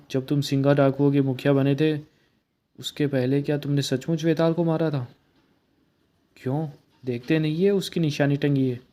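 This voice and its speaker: A man reading a comic book aloud, narrating and voicing every character in a plain, steady way. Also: medium pitch.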